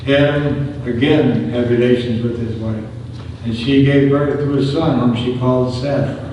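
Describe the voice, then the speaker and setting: A man reads scripture very slowly and solemnly, heard in a cathedral echo with a long reverb tail. He sounds far from the microphone, with clear room noise underneath. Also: mid-range voice, steady tone, mellow. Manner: slow, solemn reading. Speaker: lector and psalm cantor. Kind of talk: scripture reading and chanted psalm at Mass. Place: large church. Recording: distant voice in an echoing church hall with background noise.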